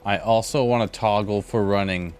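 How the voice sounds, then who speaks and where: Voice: deep voice, steady tone, normal speed, darkish tone, clean tone. A streamer giving casual gameplay commentary, rambling and swearing casually. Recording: game audio and music underneath. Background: game sound and music.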